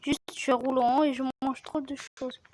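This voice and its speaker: A woman giving casual commentary over her own gameplay, excitable, yelling at the game and restarting her sentences often. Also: sits high, moderate pace, slight background noise, low-quality recording. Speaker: gamer narrating her play. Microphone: phone screen recorder mic.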